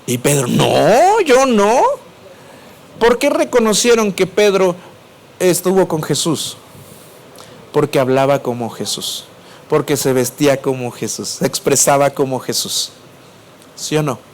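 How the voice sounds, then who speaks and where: Speaking a little slowly in a voice on the high side, a preacher with a Mexico City Spanish accent questions his congregation during a sermon before supplying the answers himself. He keeps raising and dropping his voice.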